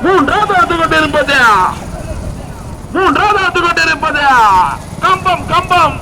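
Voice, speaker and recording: High-pitched male race announcer through a megaphone. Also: measured pace. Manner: urgent, repeated short calls and warnings. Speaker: bullock cart race announcer. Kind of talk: live race commentary. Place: outdoors on a road, moving vehicles around. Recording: noisy outdoor roadside, vehicles and crowd.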